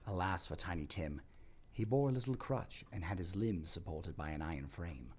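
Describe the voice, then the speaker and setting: A man narrating a scripted audio play as storyteller, in a dramatic, expressive manner. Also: low-pitched, normal speed, breathy edge.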